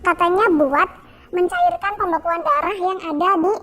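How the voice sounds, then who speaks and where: A young woman guest telling her own story in a halting, repetitive way with many fillers. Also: very high-pitched, fairly bright tone. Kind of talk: personal testimony.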